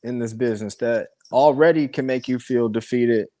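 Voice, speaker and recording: A man's voice: mid-range voice, moderate pace, dark tone, no room sound. A man, a musician guest on a podcast, talking in a laid-back, candid way. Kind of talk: casual interview chat.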